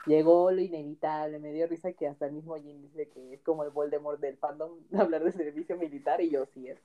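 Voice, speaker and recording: A woman's voice: low voice, steady tone, fairly quick, narrow, tinny audio. A young woman chatting casually as a podcast co-host, talking in a wistful, slangy way. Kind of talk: casual chat.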